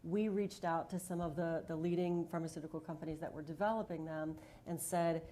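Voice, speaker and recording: A woman's voice: sits low, steady tone, fairly quick, warm tone, a little hiss or hum. A woman speaking on a conference panel as a diagnostics leader, telling her story earnestly with frequent fillers.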